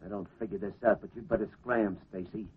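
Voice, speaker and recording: An actor playing a wary, slangy gangster in 1940s radio style, on a tinny old recording. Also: male voice, lowish voice, steady tone, quick pace, slightly rough. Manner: slangy tough-guy talk.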